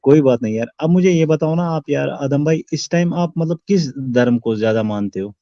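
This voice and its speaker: Brief: mellow-voiced man caller, hesitant, repeats himself, dull dry audio. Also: a little high, no echo. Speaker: debate caller. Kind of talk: live debate call.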